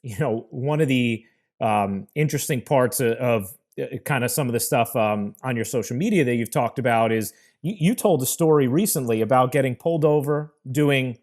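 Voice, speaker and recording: A man's voice: medium pitch, normal speed, a little mellow. A man hosting a podcast, framing a question with many hesitations and fillers. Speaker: podcast host. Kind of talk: podcast interview.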